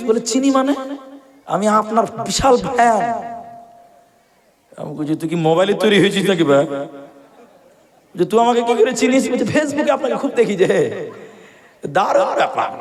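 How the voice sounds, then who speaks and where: A man from Assam preaching a humorous sermon at a large gathering, telling a story with comic voices and drawn-out chanted lines. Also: high voice. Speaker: Islamic preacher.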